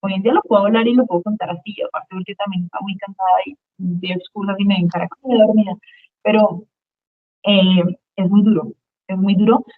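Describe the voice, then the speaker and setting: A woman's voice: medium pitch, fairly even intonation, fairly quick. A woman giving a personal faith testimony as a guest, speaking earnestly and emotionally and repeating phrases for weight. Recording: tinny phone-line sound.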